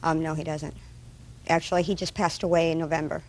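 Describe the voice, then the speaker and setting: A woman's voice: low voice, level tone, a little fast. A woman of about thirty-one answering questions as a litigant in a TV court. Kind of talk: courtroom testimony.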